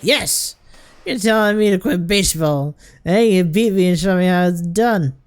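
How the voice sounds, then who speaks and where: A man's voice: high-pitched, normal speed, clean tone, pitched above the performer's own voice, close to an everyday voice. A man doing a rowdy drunk ex-ballplayer. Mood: belligerent. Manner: blustering, folksy slang. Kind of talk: reading game dialogue aloud.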